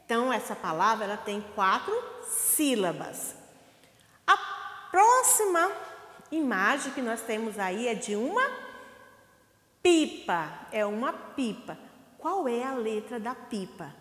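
A woman from Brazil teaches small children, her fairly high voice rising and falling widely. She speaks slowly and questioningly, sounding out syllables. The recording has an echoey room with a long reverb. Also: big pitch swings, a bit bright. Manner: slow, sing-song teacher talk, asks questions and sounds out syllables. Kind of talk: lesson for young children.

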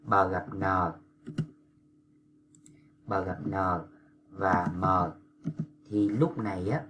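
Guy teaching a language class, really low voice, slow repeats, faint hum behind. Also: fairly even intonation. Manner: patient, repetitive, drawn-out demonstrations of pronunciation. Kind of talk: explanatory lesson for language learners.

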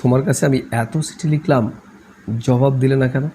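A man's voice: mid-range voice, fairly even intonation, normal speed, dark tone, slight background noise, lightly acted. A man voicing a playful, mischievous young uncle in a storybook reading, teasing and exuberant.

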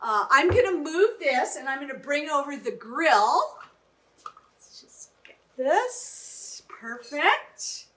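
A woman's voice: high voice, sing-song, slow, pauses often, fairly bright tone, a little hiss or hum. A middle-aged woman chef giving an upbeat cooking demonstration in a home kitchen, often checking in with "right?".

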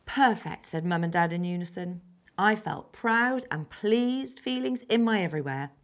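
Reading her own story, a girl of around ten from England uses a voice that is somewhat low for her age, with lively intonation at a moderate pace. Her delivery is careful and even, now and then turning soft and breathy.

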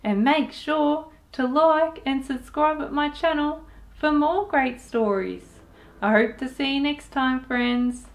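A children's storytime host in her thirties reads a picture book aloud to young kids in a highish voice, taking it extremely slowly. She's expressive and deliberate, adding sound effects and asides to her little listeners.

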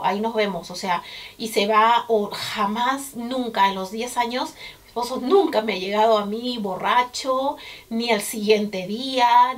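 A Peruvian woman in her thirties with a Peruvian Spanish accent, chatting casually to camera as a vlogger and repeating words for emphasis. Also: a little high. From Peru.

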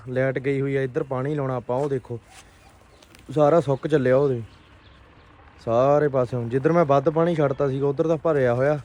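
High-pitched man vlogging casually. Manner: animated, repeats short phrases. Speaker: pigeon keeper and vlogger. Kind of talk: casual outdoor vlog commentary.

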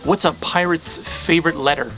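A man in his thirties casually telling corny dad jokes to camera, pausing before each punchline. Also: fairly high pitch, a bit bright, soft background music, rough recording. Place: outdoors against a house wall.

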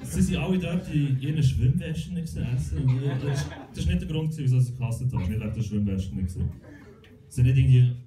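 A young man with a Swiss German accent doing a stand-up comedy set, deadpan and self-mocking, acting out other people's voices. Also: medium pitch, very fast, recorded from a distance. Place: comedy club stage. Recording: roomy club with loud crowd and music.

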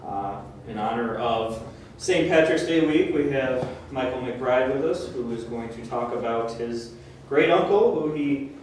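A man hosting a museum talk, introducing the guest in a friendly, halting way. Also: mid-range voice, lively intonation, a little mellow, a little hiss or hum. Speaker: host. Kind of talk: event introduction. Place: museum lecture room. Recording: echoey room from far off.

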